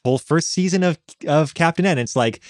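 A man's voice: on the high side, brisk, a little mellow, dry recording, studio quality. A man co-hosting a podcast, riffing sarcastically and sounding exasperated in a casual chat. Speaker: podcast co-host.

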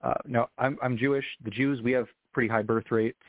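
A man's voice: medium pitch, steady tone, dry recording. A man being interviewed as a political consultant, talking earnestly and often correcting himself mid-sentence. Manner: fast, earnest, self-correcting. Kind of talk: interview answer. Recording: dry, tinny phone-line sound.

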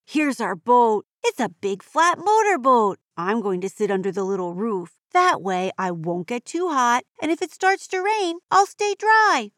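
A woman voicing an excitable young girl in a children's audio story, with a broad, singsong, exclamatory children's-theatre delivery. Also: mid-range voice, a little slow, few pauses, dry recording, studio quality. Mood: eager. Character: Jazzy, excitable young girl tourist who loves cats.

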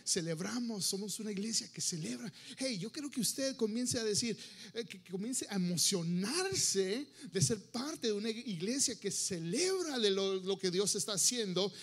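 A man preaching a sermon in a church, animated, dropping into English and acting out little everyday scenes. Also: sits high, normal speed, husky. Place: church sanctuary.

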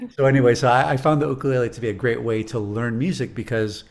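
A man's voice: medium pitch, lively intonation, fairly quick, darkish tone. A man with a Chicago accent who teaches music, talking casually in an interview. He is thoughtful and rambling, and often repeats words as he gathers his thoughts.

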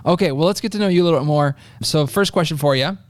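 A man's voice: fairly high pitch, fast. A man hosting a podcast, upbeat and casual, moving the talk along. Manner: upbeat, wrapping up segments. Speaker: podcast host.

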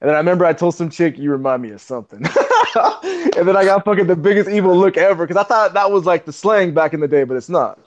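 A man with a fairly high voice talks loosely and swears freely, often breaking into laughter as he tells stories among friends. The sound is dull and lo-fi, and he comes across as the one steering the chat. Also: very fast, few pauses, a little hiss or hum. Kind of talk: casual chat.

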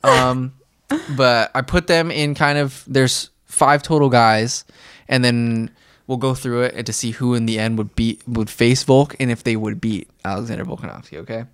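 Young man, podcast host, casual rambling chat, smooth clear voice, dry close sound. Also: medium pitch, fairly even intonation, normal speed, fairly bright tone, no room sound. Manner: chatty, rambling, laughs often.

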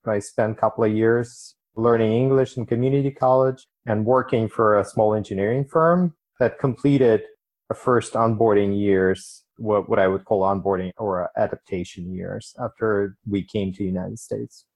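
A man from Ukraine who moved to the United States as a young adult, answering interview questions in a measured, explanatory way. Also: on the low side, steady tone, darkish tone. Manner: measured, explanatory, with occasional restarts. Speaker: interview guest.

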